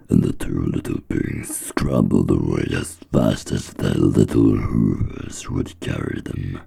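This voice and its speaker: A man with a very deep, gravelly voice narrating a fairy tale slowly, in a firm, deliberate manner. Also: dark tone. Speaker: storyteller.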